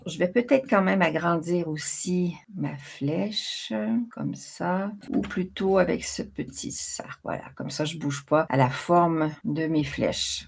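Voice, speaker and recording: A woman talking through a screen-recorded software tutorial, chatty and thinking aloud as she works. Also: sits low, gravelly, husky. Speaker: craft software tutorial host.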